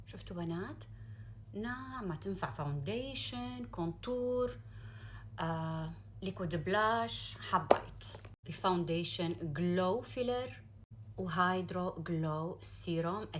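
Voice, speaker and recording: Over noticeable background noise, a woman with a Gulf Arabic accent chats to her viewers in a casual unboxing style. Her voice sits at a medium pitch. She is gushing and excitable, stretching out exclamations and dropping in English phrases. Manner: sprinkles in English words and phrases. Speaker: beauty vlogger.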